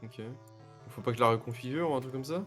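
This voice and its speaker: A man's voice: medium pitch, quick pace, faint music behind. A man playing a game with friends, talking casually and exclaiming now and then. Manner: lively, exclaiming, swearing casually. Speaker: co-player. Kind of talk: casual gaming chat.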